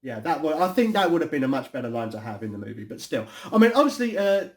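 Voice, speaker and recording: A man hosting a loose review chat, his voice sitting a little higher than most men's. He rambles along with plenty of fillers and restarts, in a relaxed, chatty way. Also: fast talker. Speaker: host. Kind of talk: casual review commentary.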